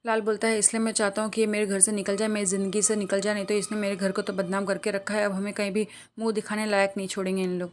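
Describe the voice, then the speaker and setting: A woman rattles through a soap-opera recap at a hurried clip. Her pitch barely moves as she relays each character's lines in the same level voice. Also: level tone, a little hiss or hum. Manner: brisk retelling, reads quoted lines in her own plain voice. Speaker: TV serial recap narrator. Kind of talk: rapid plot-recap narration.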